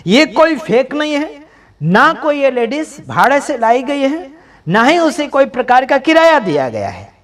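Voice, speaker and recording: A man's voice: extremely high pitch, sing-song, a little slow, fairly bright tone. A man giving emphatic, preaching-style commentary over video clips, repeating phrases for stress. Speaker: video commentator for a healing ministry.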